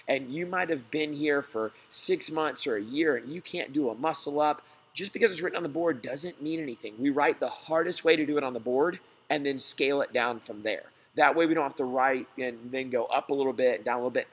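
A man's voice: medium pitch, slightly rough. A man, a gym coach, giving a slideshow lesson in a plain, reassuring way.

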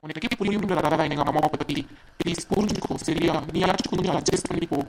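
A woman voicing a young husband in an animated cartoon, caught between his mother and his wife, talking in a coaxing, placating way. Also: lowish voice, fast, very noisy, close to an everyday voice.

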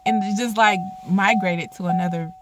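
A young woman with a Chicago accent, chatting casually to her phone camera from her car and repeating herself with quick laughs. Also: mid-range voice, fairly even intonation, heavy background noise. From Chicago, USA. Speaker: vlogger. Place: inside a car, then arriving home.

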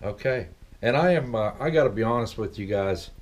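This vlog host is a middle-aged man talking from his living room, captured by a laptop webcam while he sits at a desk. He speaks in a lowish voice, animated and brisk, rambling casually and firing off plenty of questions for viewers.

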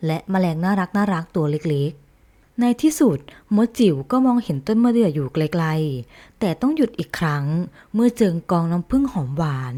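A woman narrating bedtime stories in a slow, soothing way. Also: lowish voice, warm tone. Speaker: storyteller.

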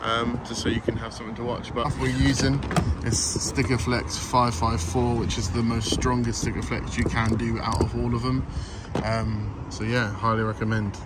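A man's voice: medium pitch, little pitch movement, normal speed, very noisy. A man, vlogging to camera in a casual, chatty way, worn out and hot after a long day. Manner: chatty, tired but upbeat, addresses viewers as guys. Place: inside a van under conversion. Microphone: phone held close, selfie framing.

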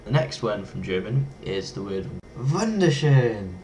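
A fairly low-pitched young Englishman talks a little slowly to his webcam in a small bedroom, with slight background noise. His casual vlog talk is playful and lively, and he toys with foreign words.

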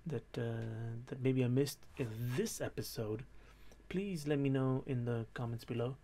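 A man in his thirties talking casually to camera in a quiet, low but clear voice, hesitantly thinking aloud as he goes. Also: moderate pace. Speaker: host of a reaction and discussion video. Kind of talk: casual unscripted commentary to camera. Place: small bedroom in an apartment.

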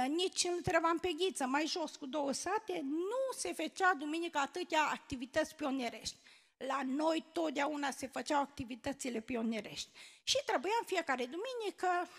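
High-voiced woman in echoing church hall. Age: middle-aged. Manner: earnest, hesitant with many pauses and fillers. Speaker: church member giving testimony. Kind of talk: church testimony storytelling. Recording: long church hall reverb.

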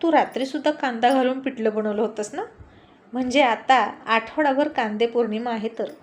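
A woman's voice: fairly high pitch, moderate pace, slight background noise, close to an everyday voice. Teasing middle-aged husband, read by a woman. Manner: joking, teasing. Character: playful teasing husband in his forties.

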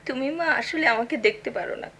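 A woman's voice: sits high, bright, forceful tone, full character voice. An actress playing a touchy, tearful young woman in a 1980s TV drama, with a plaintive way of talking. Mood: hurt. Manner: plaintive, quick to feel hurt.

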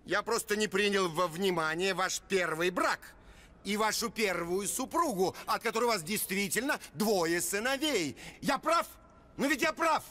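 A showy male stage clairvoyant in a period drama, working the house like a circus ringmaster. His voice is high and bright, with lively swings of pitch, over a murmuring crowd. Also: normal speed. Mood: showy, insistent. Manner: circus-ringmaster showmanship, grandly addressing the audience. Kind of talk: Russian period TV drama acting, stage patter.

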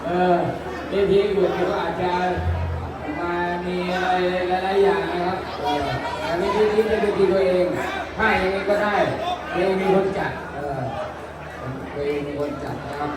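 A man's voice: high-pitched, normal speed, heavy background noise. A man chatting between rounds as a boxing announcer and commentator. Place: large boxing venue with crowd and music. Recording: very echoey distant PA, loud music and crowd.

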